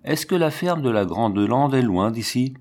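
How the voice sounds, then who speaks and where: A man's voice: medium pitch, animated, normal speed, a little mellow, close to an everyday voice. A man voicing an eager young boy.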